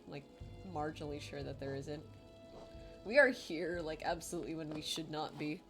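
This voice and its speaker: This woman's voice sits low and moves at normal speed. A chatty game streamer with a light Filipino accent, she reads chat aloud, laughs often and teases herself during a casual live stream, with game music in the background.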